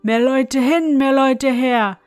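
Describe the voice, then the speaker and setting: A woman voicing a huge, proud male spirit from a bottle, who talks in a loud, haughty way. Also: slow, soft background music. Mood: menacing. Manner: booming and haughty, later pleading.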